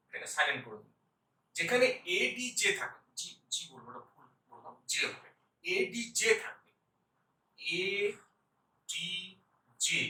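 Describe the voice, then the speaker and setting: Bright-voiced man teaching pronunciation. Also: a little high, poor audio. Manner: slow deliberate repetition of words. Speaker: English teacher. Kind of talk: pronunciation lesson.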